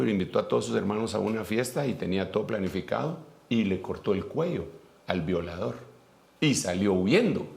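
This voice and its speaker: Gravelly-voiced man preaching a sermon. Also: mid-range voice. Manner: retells scripture in a lively storytelling way with pauses and restarts. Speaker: pastor.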